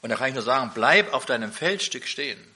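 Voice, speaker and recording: Emphatic preacher with a bright voice. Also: male voice, medium pitch, expressive, fast talker. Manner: emphatic, rhetorical repeated questions. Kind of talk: sermon.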